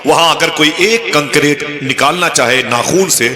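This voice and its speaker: A man telling a religious story in a sermon, impassioned and rising to near-shouts on the pleas. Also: on the high side, moderate pace. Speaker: preacher. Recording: echoey hall with live crowd. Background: crowd.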